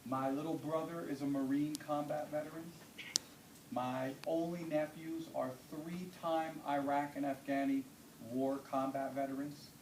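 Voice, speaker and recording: A man's voice: on the high side, flat delivery, unhurried. Casual man talking to students in an echoey hall. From Dominican Republic. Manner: casual, conversational, often checks in with a questioning "yeah?". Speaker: guest speaker. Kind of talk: informal talk to students. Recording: echoey room from far off, noisy.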